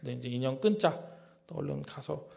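Brief: a man playing a sorrowful older widow, soft and pleading, gravelly edge, lively pitch. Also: moderate pace. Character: grieving older widowed mother-in-law.

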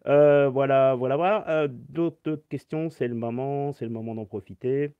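A man's voice: mid-range voice, steady tone, normal speed, clear, resonant tone, dry recording, phone-quality sound. A man teaching saxophone in a live-stream Q&A, explaining step by step and answering chat comments aloud through his phone.

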